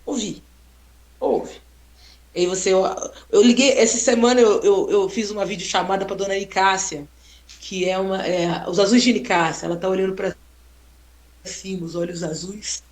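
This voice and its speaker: A woman photographer telling a story in a casual, expressive way, exclaiming often and tagging sentences with "né?". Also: medium pitch, moderate pace. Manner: expressive, exclaiming, frequent "né?" tags. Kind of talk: casual storytelling on a live stream. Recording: roomy echo.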